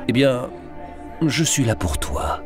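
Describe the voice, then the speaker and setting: An actor playing the Devil as a sly, menacing, falsely friendly stranger in an audio drama, mocking and insinuating. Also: male voice, medium pitch, expressive, takes it slowly, over music. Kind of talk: French audio fiction acting.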